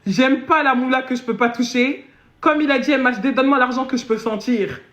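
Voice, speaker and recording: A woman live streaming a comedic chat, boasting and switching into deliberately broken English. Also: sits high, steady tone. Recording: dull echoey room audio.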